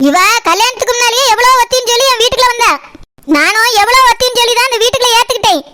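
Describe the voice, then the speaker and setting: A woman voicing a resentful middle-aged mother-in-law in a cartoon, speaking in a Tirunelveli Tamil accent with fast, accusing tirades. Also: very high voice, pushed and bright, no echo, clean studio sound. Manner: accusing, rapid angry tirades.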